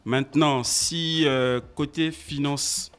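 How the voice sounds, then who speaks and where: A man representing an education agency, calmly explaining procedures in a radio interview with frequent hesitations. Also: a little high, clean tone, soft background music. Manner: measured, explanatory, hesitant fillers. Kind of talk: informative interview answers. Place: radio studio.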